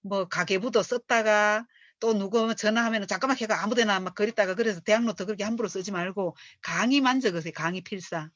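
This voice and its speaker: Lively woman lecturing on a book. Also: mid-range voice, fairly quick, no room sound. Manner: lively storyteller who acts out quoted speech. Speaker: business coach. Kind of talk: reading aloud and lecturing on a book. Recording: dull dry lo-fi recording.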